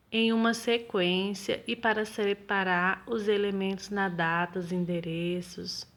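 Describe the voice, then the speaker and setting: A woman, a primary school teacher, explaining a lesson to children slowly and patiently and often checking that they follow. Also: medium pitch, fairly bright tone, slight background noise. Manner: slow, patient explaining with frequent "tá bom?" checks. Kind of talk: recorded remote lesson for children.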